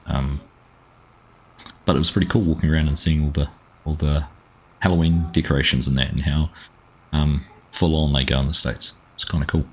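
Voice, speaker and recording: Playing a farming game on his live stream, this New Zealand man talks in a slightly rough bass voice, fairly quick yet with long pauses and fairly even intonation. He rambles casually with viewers, greeting them by name, in a New Zealand accent.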